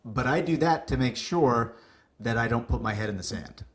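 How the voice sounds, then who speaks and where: A man telling stories as a guest on a business podcast, lively, acting out what people said, with some casual swearing. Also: mid-range voice, moderate pace. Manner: animated, acts out quoted dialogue, casual swearing. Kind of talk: casual interview storytelling.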